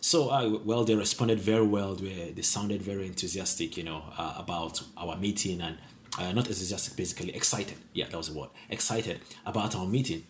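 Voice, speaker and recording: A man's voice: low-pitched, fairly quick, slight background noise. A young man from Nigeria, a PhD student in optics, speaking earnestly in an interview and repeating words for emphasis. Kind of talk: interview testimony.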